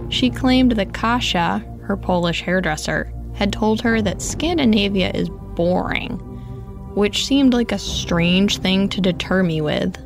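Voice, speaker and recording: A woman reading a first-person memoir aloud in a calm, measured storytelling voice. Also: mid-range voice, gravelly, over music. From United States. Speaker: narrator.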